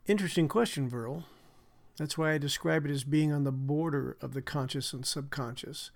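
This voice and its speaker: A man speaking as a hypnotherapist on a podcast, measured and soothing in his delivery. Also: a little high, creaky. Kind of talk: guided hypnotic relaxation and explanation.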